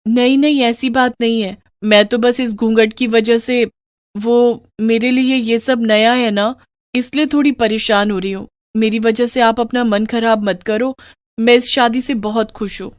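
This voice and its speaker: A woman playing a young bride, higher gentle voice, soft and pleading, dry close sound, cartoon story. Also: a little fast, no room sound, lightly acted. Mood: reassuring.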